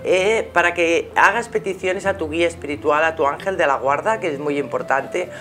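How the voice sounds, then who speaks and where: Hosting a live call-in show as a spiritual guide, a middle-aged woman with a Spanish accent speaks lovingly to a caller, full of endearments. Her voice sits low and is fairly bright at normal speed; music plays behind her in a small TV studio with curtains.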